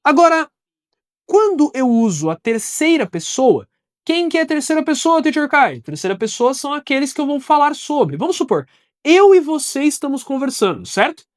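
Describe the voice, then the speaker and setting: Woman, Brazilian Portuguese accent, English teacher, online lesson, patient step-by-step explaining, lively rising and falling voice, dry close sound. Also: high voice, no room sound. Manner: patient, explains in simple steps, says English examples slowly and clearly. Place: video recording with an editor behind the camera.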